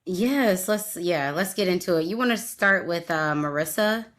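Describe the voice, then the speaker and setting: Low-pitched woman podcast co-host, wry and easygoing, casual recap chat. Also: a bit bright. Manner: wry, quick to laugh, dry asides.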